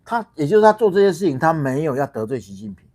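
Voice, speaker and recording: A middle-aged man from Taiwan hosts his own political livestream in a heated monologue. His fairly high voice swings up and down sharply as he fires off rhetorical questions, stumbles over repeated words and curses freely. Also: sing-song, fast talker, darkish tone. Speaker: political party founder and livestream host.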